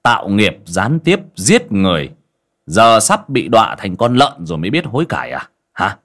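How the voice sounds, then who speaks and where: A stern exorcist master, as a male narrator plays him, low and mocking, barking orders and scolding. His voice swings from gruff mutters to sharp rebukes. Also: huge pitch swings, moderate pace.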